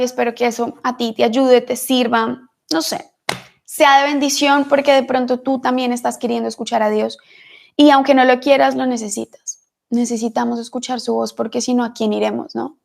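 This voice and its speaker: A woman's voice: high voice, fairly even intonation, moderate pace, vocal fry. A woman giving an earnest, reflective spiritual talk to camera, repeating phrases for emphasis.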